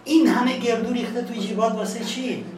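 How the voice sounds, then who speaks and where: A man's voice: extremely high pitch, steady tone, reverberant, distant mic, a little hiss or hum, voice pushed up, low-quality recording. A man voicing a lovesick young man who mutters worried questions to himself.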